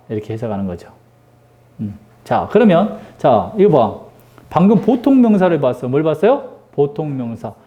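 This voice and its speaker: A man's voice: on the high side, warm tone. A middle-aged man teaching an English grammar lesson, joking and teasing his students with constant rhetorical questions. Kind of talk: lively classroom lecture.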